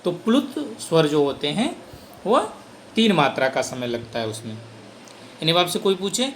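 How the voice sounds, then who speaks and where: A man's voice: on the high side, a little slow, slight background noise. A male teacher giving a grammar lesson, asking questions and answering them himself. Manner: lively, animated delivery.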